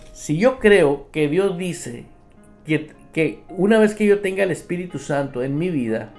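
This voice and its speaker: A male pastor delivers a radio sermon in an unhurried, deliberate way, leaning hard on key words. His voice sits slightly high for a man. Faint instrumental music plays behind him. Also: a little mellow. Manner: emphatic preaching, acts out believers' complaints; addresses listeners directly as brother.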